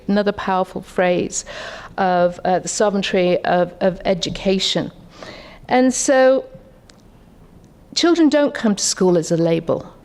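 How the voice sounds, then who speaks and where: A woman's voice: mid-range voice, a little mellow. A woman, speaking as a conference discussant in a conversational, reflective keynote with rhetorical questions. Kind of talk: keynote talk with personal anecdotes.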